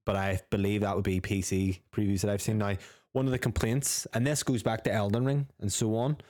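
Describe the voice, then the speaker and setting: Low-voiced opinionated podcast co-host man. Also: fairly even intonation, a little fast, darkish tone, no echo, studio quality. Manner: opinionated, swears casually, reads news items aloud. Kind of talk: casual gaming chat.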